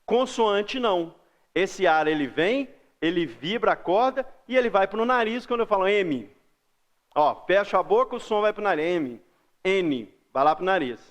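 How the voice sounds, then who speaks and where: Brazilian male teacher, fairly high voice, patient lesson delivery that stretches out example words. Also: lively intonation. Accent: Brazilian Portuguese. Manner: patient, drawn-out example words, frequent "ó" and "beleza?". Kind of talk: recorded school lesson for kids.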